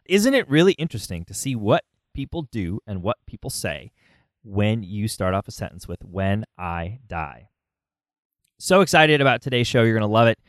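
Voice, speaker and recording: A man hosting a podcast, talking conversationally with halting phrasing and repeated words. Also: mid-range voice, sing-song, no echo, clean studio sound. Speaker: podcast host. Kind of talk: conversational podcast intro and interviewing.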